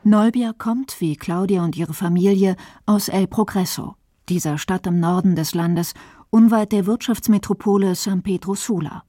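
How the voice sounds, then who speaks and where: A woman narrating a documentary report in a calm, measured way. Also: medium pitch, dry recording.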